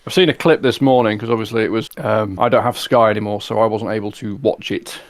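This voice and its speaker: A man from England co-hosting a film podcast, explaining things in a measured, restarting way. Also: fairly low pitch, no room sound. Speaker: podcast co-host. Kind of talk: casual chat.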